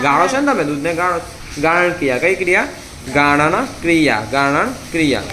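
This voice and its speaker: A Gujarati-accented male teacher leads a classroom science lesson in a bright, forceful voice, pitched a little high. He keeps asking a question and then repeating the answer himself, over and over. Faint noise sits under the recording. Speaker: tuition teacher. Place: tuition classroom.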